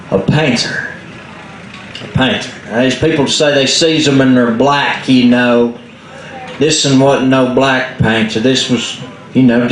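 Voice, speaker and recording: Folksy Southern Appalachian man, echoey recording. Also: medium pitch. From southern Appalachia, United States. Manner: folksy, unscripted, dramatic pauses. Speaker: storyteller. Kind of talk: casual oral folk storytelling. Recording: echoey room with background noise.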